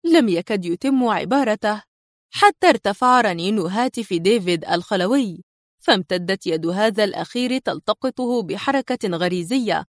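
Expressive woman narrating an audiobook. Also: medium pitch, normal speed, no room sound, clean studio sound. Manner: dramatic, expressive reading.

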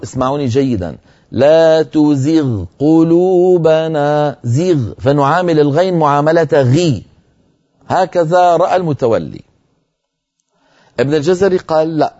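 Man, middle-aged, recitation teacher who lectures patiently, drawing out example words; warm, dark tone on muffled lo-fi audio. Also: a little high. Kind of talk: classroom lecture on recitation rules.

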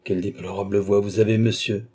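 A man voicing a haughty, weary older count who answers with calm, disdainful impatience. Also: lowish voice, fairly quick, lightly acted.

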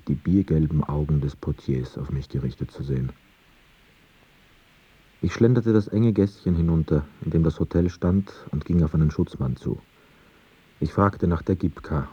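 An actor narrating in first person as a young man back from war captivity, in a calm, reflective radio drama telling. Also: a bass voice, husky, exaggerated voice. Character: male narrator Gabriel, a returned soldier. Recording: slightly dull radio studio recording.

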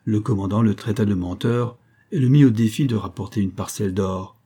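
A man narrating a novel as an audiobook in a measured, even reading. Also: fairly low pitch, breathy edge.

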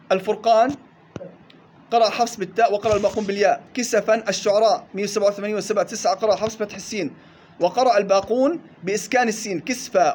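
Brisk high-voiced teacher. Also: male voice, darkish tone. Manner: lists reading variants briskly, drawing out recited words slowly. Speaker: Quran recitation teacher. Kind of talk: classroom tajweed lesson.

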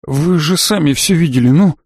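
A jittery, whining young man, played by a male reader, his voice pushed up high and trembling as he makes excuses. The tone is fretful and defensive, and the recording is close and dry. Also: moderate pace, darkish tone, husky, no echo.

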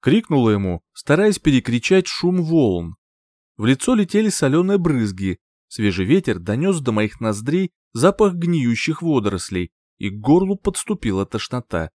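A male audiobook narrator with a mid-pitched voice who reads a first-person fantasy story expressively. His intonation swings widely from line to line, and the sound is dry and close. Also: normal speed, no room sound. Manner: expressive, lively reading.

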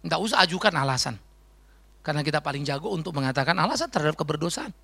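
A man preaching a sermon as pastor with an Indonesian accent, lively and acting out the voices he quotes. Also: a little high, rapid-fire, vocal fry, breathy edge, no room sound.

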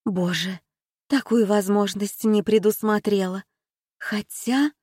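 A woman's voice: mid-range voice, steady tone, slow, darkish tone, slightly rough, no room sound, clean studio sound. A woman voicing a shaken, faltering older lady. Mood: anxious. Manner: faltering, moaning.

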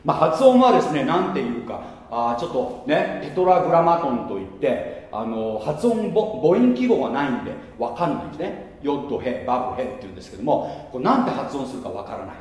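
A man's voice: mid-range voice, very animated, quick pace, few pauses, a little mellow. A man preaching a sermon as pastor, mixing casual asides with rhetorical questions to the congregation. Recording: echoey hall recording.

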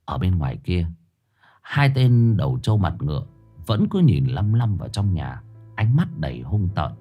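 Male horror narrator, low and animated, dramatic reading over soft music. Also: moderate pace, breathy edge, dull audio. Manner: dramatic, expressive. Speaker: storyteller. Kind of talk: scripted horror story narration. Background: faint music.

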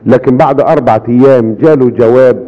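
Egyptian preacher telling stories in a hall. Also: male voice, medium pitch, a little fast. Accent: Egyptian Arabic. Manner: lively storyteller, asks rhetorical questions. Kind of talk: sermon telling miracle stories. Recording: dull audio with long hall reverb.

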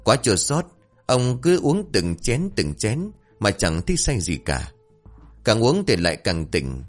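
A man narrating a dramatic story with an expressive, rising and falling delivery. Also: fairly low pitch, unhurried, faint music behind.

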